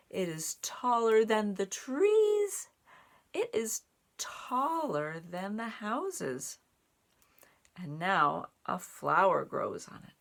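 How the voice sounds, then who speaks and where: A woman reading a children's picture book aloud in an expressive, deliberate way for young listeners, with little asides. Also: mid-range voice, vocal fry. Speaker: storybook reader and sign language teacher.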